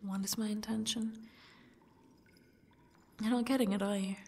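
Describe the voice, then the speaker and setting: A woman acts out a sadistic female yandere stalker in an ASMR role-play. Her voice is husky and crackles with fry, and she takes her time, taunting her captive with smug, faux-gracious menace. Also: mid-range voice, expressive, slow pace, heavily acted. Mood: smug, menacing. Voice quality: breathy, husky, dropping into speaks softly.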